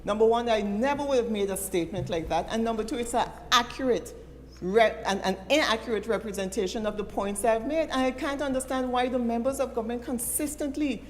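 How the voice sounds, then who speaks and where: A woman's voice: fairly high pitch, fairly quick. A woman with an Anguillan accent insistently and indignantly objecting in parliamentary debate as an opposition leader. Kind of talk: parliamentary point of order. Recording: echoey chamber with background noise.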